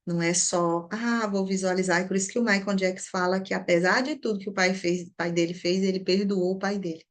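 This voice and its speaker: Animated Brazilian woman telling her story. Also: fairly low pitch, fast. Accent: Brazilian Portuguese. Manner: storytelling, animated, acts out her own past prayers and dialogues. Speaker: online therapist and community teacher. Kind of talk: personal testimony in an online class.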